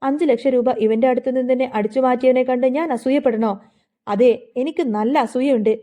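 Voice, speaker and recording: A proud young businessman, self-assured and mocking toward his rivals, as a woman storyteller voices him. The tone stays high and mellow. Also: fairly even intonation, brisk, close to an everyday voice. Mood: confident.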